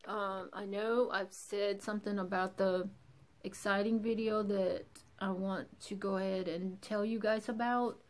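A woman's voice: medium pitch, fairly even intonation, unhurried. A woman vlogger talking casually in a subdued morning voice, teary and emotional. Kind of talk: casual vlog talk.

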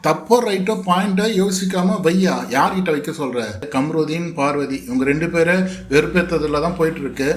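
A man's voice: a little high, normal speed, reverberant. A man giving casual commentary, answering a video clip with sarcastic, mocking retorts. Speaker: reality show commentator.

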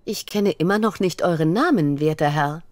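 A woman's voice: deep voice, normal speed, a little mellow, dry recording, clean studio sound, lightly acted. A woman voicing a kind, polite, earnest young elf princess in a video game. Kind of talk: video game character dialogue.

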